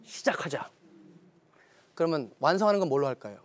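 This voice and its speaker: A man's voice: on the high side, sing-song, brisk. A man giving a televised lecture on parenting, telling stories animatedly and acting out quoted dialogue.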